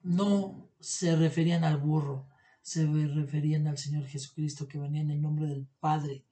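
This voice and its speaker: A man reading scripture and preaching in an earnest, halting way with many restarts. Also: on the high side, little pitch movement, warm tone. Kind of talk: Bible reading and sermon commentary.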